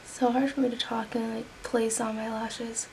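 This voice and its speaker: Young woman, makeup tutorial vlogger, chatty, slightly high voice, faint room noise. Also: flat delivery, moderate pace. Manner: chatty, talks while working, sometimes drops to a whisper. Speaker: beauty vlogger. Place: home.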